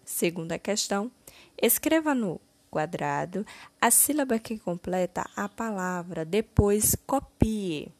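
A woman teacher with a Brazilian Portuguese accent going through a children's exercise, stretching each word slowly and clearly. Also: fairly low pitch. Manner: slow, deliberate, syllable-by-syllable word stretching. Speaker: primary school teacher. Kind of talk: slow, clear lesson narration.

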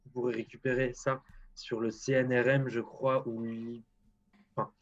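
A man's voice: medium pitch, little pitch movement, normal speed, lo-fi sound. A man speaking as a guest scientist in a casual interview, frank and hesitant, often restarting his sentences.

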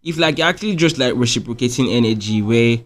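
A man's voice: medium pitch, fast. Laughing, rambling man. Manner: laughs often, loose rambling with many fillers. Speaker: podcast co-host. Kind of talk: casual chat.

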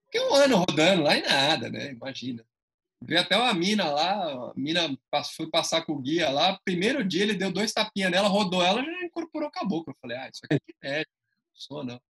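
São man, casual storyteller, quick and lively delivery, acts out quotes. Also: high-pitched, breathy edge. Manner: animated, acts out dialogue.

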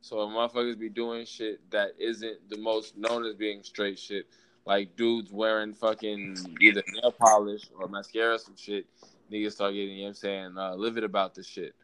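A man's voice: on the low side, level tone, normal speed, bright, forceful tone, smooth, rough recording. A young American man debating casually in slangy frat-bro talk, swearing and stammering over repeated words.

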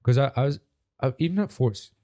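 A man's voice: mid-range voice, a little fast, mellow. A man with a Glaswegian accent hosting a podcast in casual chat, blunt and sweary. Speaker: podcast host.

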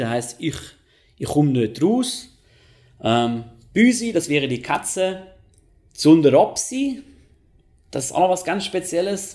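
A man, hosting a podcast in a casual, chatty monologue full of fillers and self-corrections. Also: medium pitch. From Germany. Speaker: podcast host.

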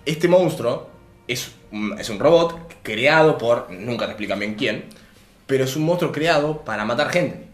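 A man's voice: medium pitch, expressive, a little slow, roomy sound, faint music behind. A man co-hosting a casual podcast chat, speaking Rioplatense Spanish in a rambling way and explaining at length. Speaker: podcast co-host.

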